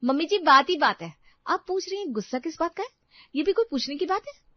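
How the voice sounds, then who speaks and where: Woman doing a sharp-tongued, fed-up young wife, high voice, dry, slightly dull recording. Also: animated, a little fast, no echo. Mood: indignant. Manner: indignant, complaining.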